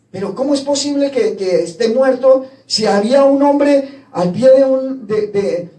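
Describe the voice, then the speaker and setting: A pastor with a very high-pitched, mellow voice preaches a sermon in a church hall, retelling gospel scenes and voicing the people in them. The recording is echoey and captured from far off.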